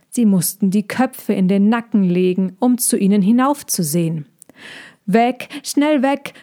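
A woman reads a children's story aloud, her voice mellow and warm. Her narration is lively, with the rhythm of a bedtime storybook. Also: mid-range voice.

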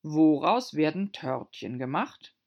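A woman's voice: sits low, lively intonation, slow pace, a little mellow, muffled recording, exaggerated voice. A woman voicing a pompous but weary king presiding over a court, in an audiobook reading. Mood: commanding. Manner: pompous yet melancholy. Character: fussy weary male king, adult. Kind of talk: audiobook character voice.

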